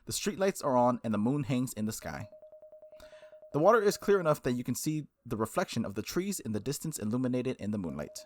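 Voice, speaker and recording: A man speaks briskly at medium pitch, sounding very animated as he hosts a gaming video. It's casual let's play talk and reading aloud, playful and exclamatory, with frequent self-interruptions that leave thoughts unfinished.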